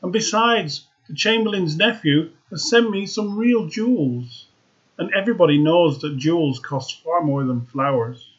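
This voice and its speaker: Snobbish young lady, raised pitch, dismissive, a man putting her on; dull lo-fi audio. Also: unhurried, husky. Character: vain haughty young woman, professor's daughter.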